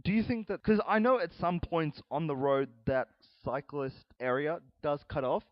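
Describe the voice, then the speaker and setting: A man's voice: on the high side, moderate pace, no room sound, highs cut off. A young man co-hosting a casual podcast, laughing and teasing his friends, often stumbling into stammered restarts. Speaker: podcast co-host. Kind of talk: casual chat.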